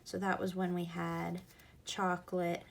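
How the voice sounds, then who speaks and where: A woman's voice: lowish voice, monotone, unhurried, creaky, a little hiss or hum. A woman teaching a recorded math lesson, explaining patiently and going back over each key point.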